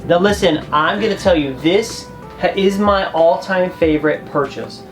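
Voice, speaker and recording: A man's voice: high-pitched, normal speed, soft background music. A man co-hosting a travel vlog, giving tips in a chatty, joking, emphatic way. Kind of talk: casual how-to chat.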